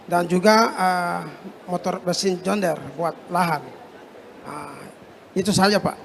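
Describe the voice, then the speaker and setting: A man from West Papua, a farmer representative, speaking hesitantly with many pauses. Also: high voice, vocal fry, a little hiss or hum. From West Papua, Indonesia. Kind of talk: public petition to an official.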